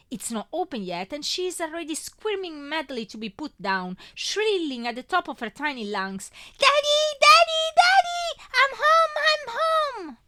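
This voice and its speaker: A woman reading a first-person story aloud in an expressive, lilting way. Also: a little high, dry recording. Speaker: fanfiction reader.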